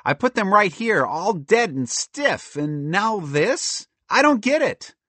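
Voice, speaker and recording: A man's voice: sits high, sing-song, takes it slowly, sharp tone, no echo, pitched above the performer's own voice, exaggerated voice. Man putting on a young boy, eager, puzzled, raised voice, dry close sound.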